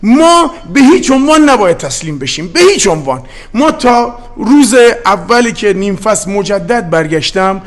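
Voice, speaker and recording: A man's voice: high voice, a bit bright. A middle-aged man from Gilan, a football head coach, speaking with a Gilaki-tinged accent in an impassioned, defiant post-match interview. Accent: Gilaki-tinged Persian. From Gilan, Iran.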